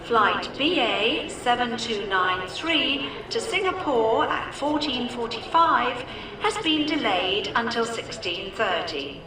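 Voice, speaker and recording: A woman playing an airport announcer, reading formal, measured, repetitive public announcements in an echoey, distant recording. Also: fairly high pitch, animated, over music. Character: airport announcer reading flight delays and boarding calls. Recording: echoey, distant, hissy airport tannoy sound.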